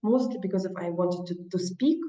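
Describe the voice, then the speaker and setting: A non-native speaker with a Russian accent, this woman is an interview guest in casual conversation, earnest and encouraging. Her lowish, mellow voice moves briskly, and the recording sounds echoey, distant and dull.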